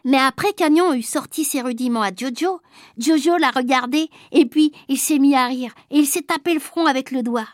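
A woman reading a children's story aloud in a lively, childlike first-person telling. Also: sits high, normal speed, no echo, clean studio sound. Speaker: audiobook reader. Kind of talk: storybook narration.

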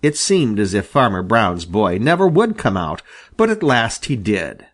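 A man reading a children's animal story aloud with an expressive, lively delivery. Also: on the low side, a little slow. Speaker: audiobook reader. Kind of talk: storybook narration.

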